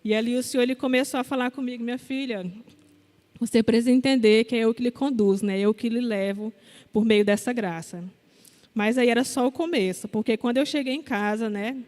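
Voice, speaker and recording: Higher-voiced woman preaching in an echoing hall. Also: brisk, darkish tone. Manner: candid storytelling, quotes herself and others. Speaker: preacher giving testimony. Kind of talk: sermon testimony. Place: church hall. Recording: long hall reverb.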